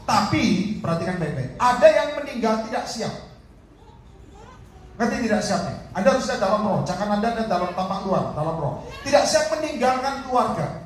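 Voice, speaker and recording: A man preaching a sermon as an evangelist, animated and repeatedly addressing the congregation directly. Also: sits high, brisk. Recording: echoey hall from far off, faint noise.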